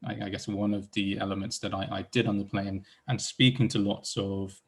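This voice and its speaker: This Iranian man, a psychologist in a panel discussion, hesitates often, with repetitions and restarts. He speaks at an ordinary speed in a low, husky voice with an even tone.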